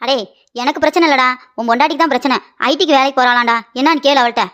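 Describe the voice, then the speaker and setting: A woman voicing a sharp-tongued, scolding middle-aged mother-in-law in a cartoon comedy. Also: high voice. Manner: rapid scolding and mocking.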